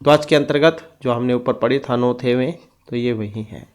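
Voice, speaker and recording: A man's voice: mid-range voice, moderate pace. A man teaching an exam-prep grammar lesson who reads out rules and goes through lists one item at a time.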